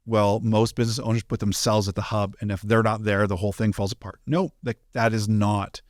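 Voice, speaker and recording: A business coach co-hosting a podcast speaks in a lowish voice with little pitch movement and a fairly quick pace, recorded dry with clean studio sound. In this casual conversation he's reflective and emphatic, often restarting his sentences.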